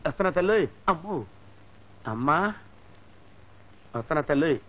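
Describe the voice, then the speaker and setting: A cheeky cowardly servant. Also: male voice, fairly high pitch, expressive, moderate pace, a bit bright. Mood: comic. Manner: comic, whiny and teasing. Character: cheeky comic male servant, cowardly and mischievous. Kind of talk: film comedy acting. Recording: dull lo-fi film soundtrack with music.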